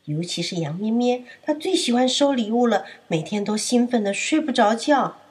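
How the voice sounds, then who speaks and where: A woman narrating a children's story in an expressive, sing-song manner. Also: on the high side, normal speed, slightly rough.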